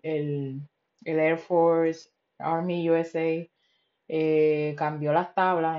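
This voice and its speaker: A Puerto Rican woman with a lowish voice talks on her solo podcast in a loose, frank way. She swears often, fills pauses with "eh" and slips English words in. The recording sounds dull and a bit lo-fi. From Puerto Rico. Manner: frank and profane, mixing in English words, many fillers. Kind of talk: casual solo podcast monologue.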